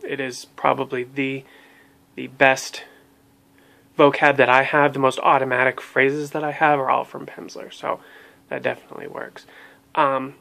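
A language learning vlogger in his thirties reviews a language course casually, speaking to the webcam on his desk in a small room at home. His voice is medium-pitched, gravelly and a bit bright, and he often hesitates with ums and restarts.

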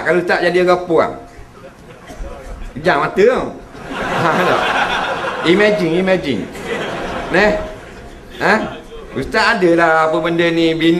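A man's voice: high voice, a bit bright, a little hiss or hum. A man giving a humorous religious lecture to an audience. He keeps checking in with his listeners and acts out the voices he quotes. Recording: echoey hall recording.

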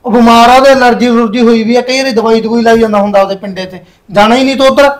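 A man's voice: high-pitched, a little fast, natural voice. A young man playing a controlling husband with a secret in a short film, insistent and brusque. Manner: insistent, brusque, repeats himself. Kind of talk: Punjabi short film acting.

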